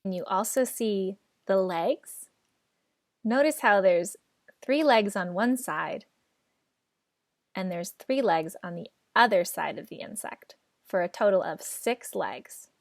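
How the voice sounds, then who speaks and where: A young adult teacher runs a children's garden class indoors from her living room, speaking slowly and expressively at a medium pitch. The lesson is simple and instructive, and she encourages the kids to join along.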